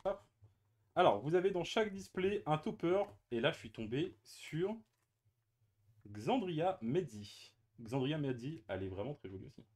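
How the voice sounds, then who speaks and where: A man's voice: fairly high pitch, lively intonation, a little fast. A man chatting casually as he opens trading card boosters on camera, hesitant with many fillers and restarts. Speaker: card-opening YouTuber. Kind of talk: casual unboxing commentary.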